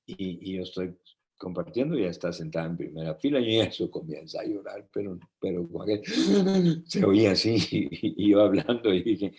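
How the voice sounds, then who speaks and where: A man's voice: deep voice, a little fast, darkish tone. A man preaching a conversational sermon, telling personal stories and checking in with listeners through frequent tag questions. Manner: tells personal anecdotes with light laughter.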